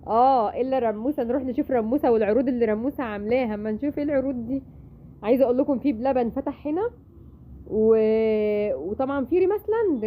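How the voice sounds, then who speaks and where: A woman with an Egyptian accent chatting in a cooking vlog, confiding and acting out little dialogues. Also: high voice. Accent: Egyptian Arabic. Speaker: vlogger. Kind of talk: casual cooking vlog chat. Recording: tinny phone-like sound, faint noise.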